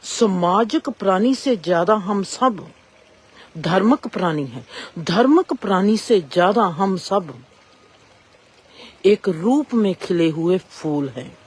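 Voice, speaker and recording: A woman gives a spiritual discourse at an unhurried pace. Her voice is slightly breathy and husky. She reflects aloud and builds her points through a run of rhetorical questions. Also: mid-range voice, lively intonation, darkish tone. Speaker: spiritual speaker.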